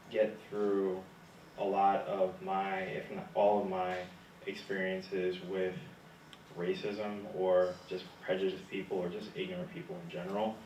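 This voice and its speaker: A man's voice: low voice, echoey room, recorded from a distance, a little hiss or hum, rough recording. A young man answering interview questions, telling stories with humor and laughing often. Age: young adult. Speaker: guest speaker, graduate student.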